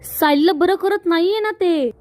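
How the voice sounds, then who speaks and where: A woman's voice: extremely high pitch, moderate pace, darkish tone, dry recording, voice pushed up. A woman voicing a distraught young husband who pleads urgently for news.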